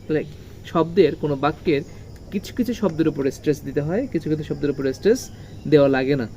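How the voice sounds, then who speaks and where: Talking fast in a mellow, medium-pitched voice, this English teacher leads a children's lesson over slight background noise. Questions are asked and then answered by the teacher, and key words get repeated with strong emphasis.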